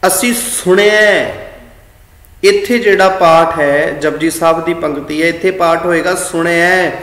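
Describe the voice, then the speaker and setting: A man with a Punjabi accent teaching scripture pronunciation, slow and deliberate, drawing out words and chanting lines in a sung tone. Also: fairly high pitch, fairly even intonation, a bit bright. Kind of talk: slow religious teaching talk. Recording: echoey room with long reverb.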